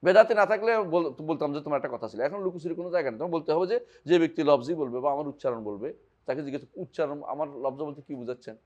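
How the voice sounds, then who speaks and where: A man's voice: fairly high pitch, rapid-fire, a little mellow, lo-fi sound. A man from Bangladesh with a Bangladeshi Bengali accent, an Islamic scholar teaching a weekly class and explaining points with rhetorical questions and recited Arabic verses. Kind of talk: religious lecture.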